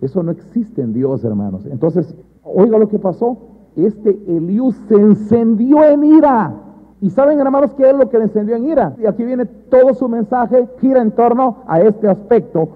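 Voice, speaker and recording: Male preacher, high husky voice, sermon with surges of volume, tinny lo-fi sound. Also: animated, moderate pace. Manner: swings from loud emphatic bursts to low quiet asides; keeps addressing the church as brothers. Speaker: pastor. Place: church. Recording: thin phone-like sound.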